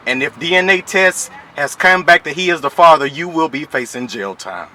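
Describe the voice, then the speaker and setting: On a prank phone call, a man poses as a stern, threatening child support official, pushy yet formally polite and repeatedly calling the listener "ma'am" in a mock-official way. His voice is a little high, expressive and pushed and bright, at normal speed, and his mood is stern and pressing. The phone line carries faint noise.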